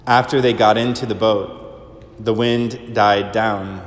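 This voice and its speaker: A priest reading the gospel aloud in a slow, measured liturgical manner, his voice ringing with cathedral echo. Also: on the low side, fairly even intonation. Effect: cathedral echo, long church reverb. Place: large church. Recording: echoey church hall, long reverb.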